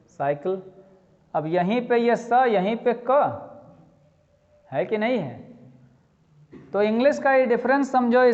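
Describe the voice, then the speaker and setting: A man teaching a lively lesson, explaining with spoken examples and asking his students questions as he goes. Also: high-pitched. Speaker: English teacher. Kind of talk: classroom-style lecture. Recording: dull lo-fi sound with long reverb.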